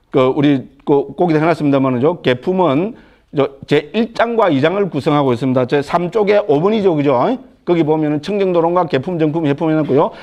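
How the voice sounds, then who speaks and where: An older man giving a Buddhist lecture as a monk, animated, asking rhetorical questions and checking in with his listeners. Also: a little high. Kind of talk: dharma lecture.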